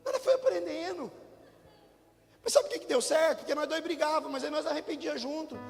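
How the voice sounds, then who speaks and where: High, gravelly-voiced pastor preaching. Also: male voice, fairly quick. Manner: lively storytelling with humor, addresses congregation directly. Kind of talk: sermon. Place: church hall. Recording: church hall reverb with faint music.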